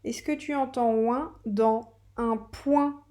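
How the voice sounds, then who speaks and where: Woman teacher, children's reading lesson, slow and patient delivery, mellow warm tone. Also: fairly high pitch, steady tone.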